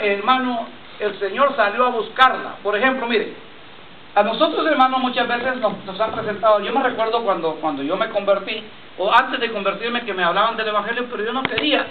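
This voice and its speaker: A man's voice: sits high, a little fast, roomy sound, crowd noise. A man preaching a sermon with a personal testimony, repeating himself and often addressing listeners as brother. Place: church congregation. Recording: tinny lo-fi church recording from far off. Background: congregation responses.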